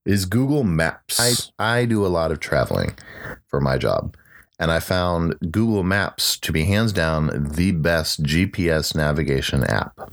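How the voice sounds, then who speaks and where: A man hosting a solo podcast, talking through his picks in an upbeat, conversational way with light jokes. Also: very deep voice. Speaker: podcast host.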